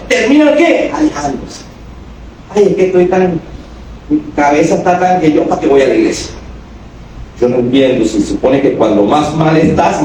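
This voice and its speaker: A man preaches in a high, carrying voice. His words bounce through a very echoey church, and he sounds far from the mic. A faint hiss sits underneath. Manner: emphatic, asks the congregation questions and acts out quoted voices. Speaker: pastor. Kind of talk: sermon. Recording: echoey church hall from a distance.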